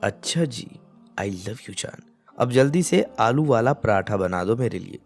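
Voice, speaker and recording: A man's voice: on the low side, expressive, unhurried, vocal fry, soft background music. A man voicing a young husband who grumbles but dotes on his wife. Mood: affectionate. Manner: grumbling, affectionate.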